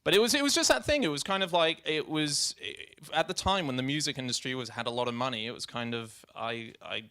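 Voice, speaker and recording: A man's voice: medium pitch, fairly quick, bright, forceful tone. A young man telling a story on stage at a film event, rambling and stop-start with laughing asides. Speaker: guest filmmaker. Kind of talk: live on-stage conversation.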